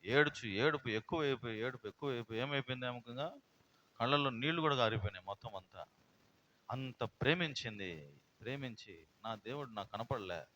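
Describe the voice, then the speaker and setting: A male pastor preaches a sermon with feeling, moving between loud and soft and asking many rhetorical questions. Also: medium pitch, a little fast, slight background noise, low-quality recording.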